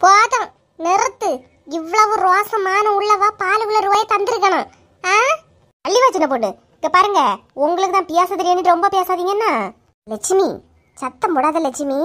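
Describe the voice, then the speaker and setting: Lady voicing a squeaky touchy village auntie in a cartoon, kanyakumari tamil accent, scolds everyone. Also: normal speed, pauses often, a bit bright. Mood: indignant. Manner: scolding, indignant. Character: quarrelsome middle-aged village woman, touchy. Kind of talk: comic cartoon voice acting.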